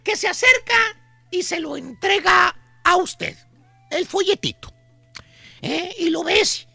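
A man rants through a comic radio bit in a very high, gravelly voice. His tone is bright and piercing, close to the mic in a dry studio, full of slang and mocking jabs. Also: slow, no room sound, faint music behind. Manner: rants and riffs with insults and slang, jumps into mock voices. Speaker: radio comedian. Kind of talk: comic monologue on morning radio.

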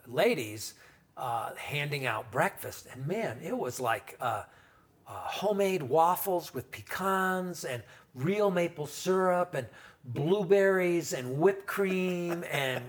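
A man's voice: medium pitch, breathy edge. A man telling a long story in casual chat, rambling and full of fillers. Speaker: guest storyteller.

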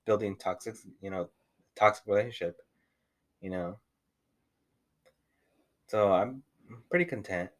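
Co-hosting a laid-back podcast with his partner, a young man rambles, leaning heavily on fillers like "like" and "you know" and swearing now and then. He has a slight accent and a fairly low pitch, speaks unhurriedly, and leaves long pauses.

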